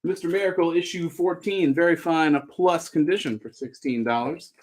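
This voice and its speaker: A man hosting a live comic book sale, running through items with upbeat, joking pitchman patter. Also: normal speed, a little mellow. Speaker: host selling comics on a live stream. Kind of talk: live sales chat.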